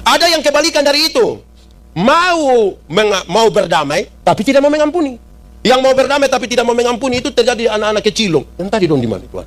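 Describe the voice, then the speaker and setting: A high-voiced man preaches a sermon to his congregation. He keeps asking the listeners questions and acts out little scenes in local dialect. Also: sing-song, quick pace, fairly bright tone. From East Nusa Tenggara, Indonesia. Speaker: pastor. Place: church.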